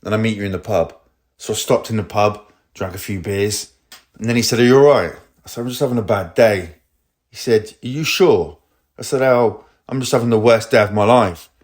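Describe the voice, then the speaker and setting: A man with a fairly low voice and an Essex accent talks through events in a police interview. He rambles, swears freely and quotes other people's lines back and forth. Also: a little fast. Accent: Essex English. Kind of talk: recorded police interview account.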